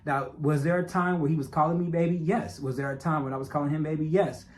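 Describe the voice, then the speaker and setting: A man's voice: fairly high pitch, steady tone, fast. A man with a stutter and a speech impediment, narrating his own documentary as a casual, emphatic monologue aimed at his viewers, often repeating himself. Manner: repetitive, emphatic, talks straight to viewers. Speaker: self-made documentary narrator. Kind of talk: casual direct-address monologue.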